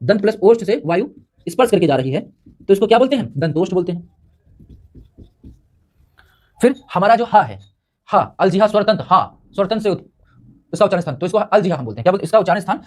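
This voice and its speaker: A man teaching a grammar lesson, who keeps asking the listener questions and then answers them himself, repeating each term several times. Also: sits high. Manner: quizzes the listener then answers himself, drilling terms by repetition. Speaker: Hindi teacher.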